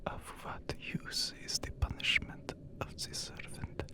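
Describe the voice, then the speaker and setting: A man voicing a haughty, courtly, immortal vampire count in a breathy, whispered ASMR roleplay, with formal, archaic phrasing. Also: measured pace, close to an everyday voice. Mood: stern, suspicious.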